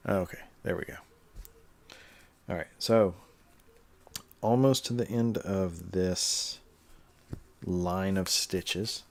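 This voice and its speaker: Deep-voiced man chatting on a livestream. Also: slow pace, vocal fry, long pauses. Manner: relaxed, chatty, talking while stitching and reading chat. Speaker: cross stitch livestreamer. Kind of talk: casual livestream chat. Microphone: webcam livestream setup.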